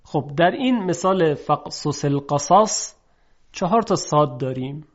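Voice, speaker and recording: A man teaching Quranic letter pronunciation. He explains quickly, then says each example word slowly and clearly twice. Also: a little high, lively intonation, muffled recording. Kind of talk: pronunciation lesson with slow drawn-out examples.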